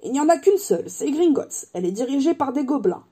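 A woman's voice: high voice, very animated, fast, warm tone, pitched above the performer's own voice. A woman reading a storybook aloud and voicing a big, proud, grumbling male giant in a raised, blunt voice. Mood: hearty.

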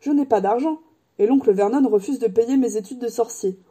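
Curious young boy wizard, a woman doing him slightly raised, with a dark, breathy tone. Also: a little high, brisk. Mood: questioning. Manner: wondering, questioning.

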